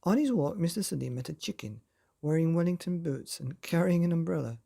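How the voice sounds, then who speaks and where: A man narrating a children's bedtime storybook in a playful, expressive way, often putting questions to the listener. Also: a little high, fairly quick, vocal fry.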